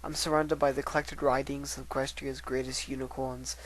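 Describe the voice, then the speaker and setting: A man's voice: mid-range voice, level tone, a little fast, natural voice, low-quality recording. A man voicing an earnest, bookish female unicorn scholar in an articulate, reflective dramatic reading of a letter. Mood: earnest, fond.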